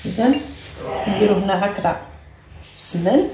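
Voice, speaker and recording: A woman with an Algerian Arabic accent teaches a home cooking tutorial. She narrates each step as she works and repeats short cues. Her mid-pitched voice rings in an echoey kitchen over faint background noise. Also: lively intonation, normal speed. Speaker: cooking channel host.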